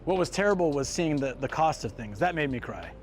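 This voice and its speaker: A man hosting a casual live stream, chatting to viewers in an animated, exclamatory way and repeating phrases for emphasis. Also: on the high side, brisk, slight background noise. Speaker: livestream host. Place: outdoors by street vending machines in a city.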